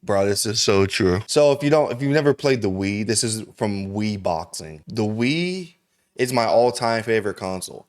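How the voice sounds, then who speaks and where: A man's voice: on the low side, expressive, moderate pace. Slangy man saying "bro" a lot. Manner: slangy and profane, says "bro" constantly; rambling, with frequent restarts. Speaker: reaction video host. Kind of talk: casual reaction commentary.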